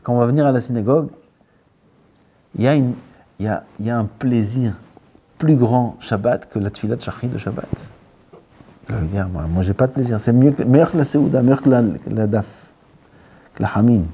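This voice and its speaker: Animated rabbi, dark voice. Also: male voice, mid-range voice, brisk, long pauses, husky. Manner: animated, dropping to near-whispers and rising again; mixes Hebrew terms into French. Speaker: rabbi giving a Torah talk. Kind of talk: sermon.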